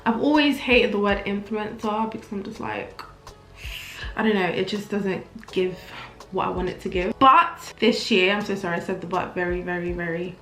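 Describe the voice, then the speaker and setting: With a mid-range, somewhat bright voice and moderate pace, a young Nigerian woman with a British accent does a get-ready-with-me vlog at her mirror at home. She's chatty and candid, adding self-mocking asides, and the sound is reverberant.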